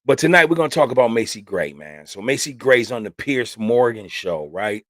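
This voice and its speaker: A man's voice: medium pitch, animated, normal speed, a bit bright, dry recording. A man hosts his own podcast in a mid-range voice, rambling casually and dropping slang as he goes. The sound is dry and close, with little room around it. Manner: loose, slangy and talkative, with frequent "man" and "you know what I'm saying". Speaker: podcast host.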